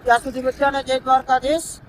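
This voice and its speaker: A man's voice: very high voice, flat delivery, quick pace, a little hiss or hum. A man vlogging outdoors on a phone camera, coaxing a small child in sing-song baby talk and chatting to viewers.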